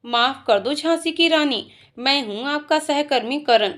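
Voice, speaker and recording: A woman's voice: high voice, unhurried, a bit bright. Karan, a woman voicing a teasing young office guy. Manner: joking, teasing. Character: teasing playful young male office colleague.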